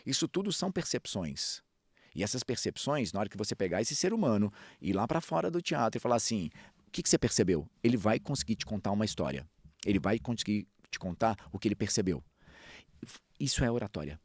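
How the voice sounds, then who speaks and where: A man who speaks and coaches public speaking, talking in a storytelling way, with lively jumps in pitch and pace. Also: no room sound, clean studio sound. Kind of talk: podcast talk on public speaking.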